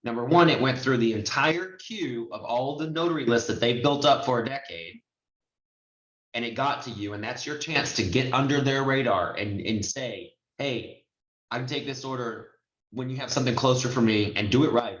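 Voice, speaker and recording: In an informal online notary lesson held indoors via video call with screen share, the male trainer and host walks through each step emphatically and conversationally. His mid-range voice is a bit bright and moves at a moderate pace. The call audio comes across muffled and roomy.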